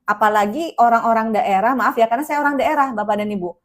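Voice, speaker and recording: Woman from Indonesia, seminar guest speaker on parenting, animated delivery, higher voice. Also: fast. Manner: lively, acts out adult and child voices. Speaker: child and teen practitioner, guest speaker.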